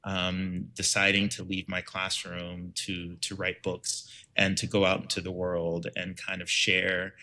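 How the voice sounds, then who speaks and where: A man in his forties from Liberia, an educator telling his story in an earnest, reflective way, pausing with frequent ums. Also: low-pitched, completely flat delivery, pushed and bright, slight background noise. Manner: thoughtful, many ums, earnest. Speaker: educator and author, podcast guest.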